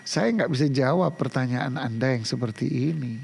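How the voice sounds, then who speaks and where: A man teaching Islamic law on a live broadcast, answering viewers' questions in an animated, scolding way and firing off rhetorical questions. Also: mid-range voice, moderate pace, creaky, a little hiss or hum. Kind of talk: live religious Q&A lesson.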